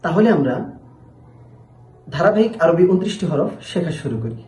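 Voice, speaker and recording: A man's voice: on the high side, animated, moderate pace, darkish tone, roomy sound, poor audio. A man giving a patient pronunciation lesson, drawing out each letter sound as he demonstrates it. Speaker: Arabic letter teacher.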